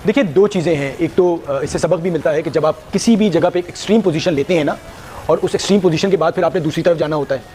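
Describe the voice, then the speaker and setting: A man's voice: on the high side, fast, a little mellow, a little hiss or hum. A man on a talk panel laying out his argument point by point. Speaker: panel guest. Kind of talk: debate commentary.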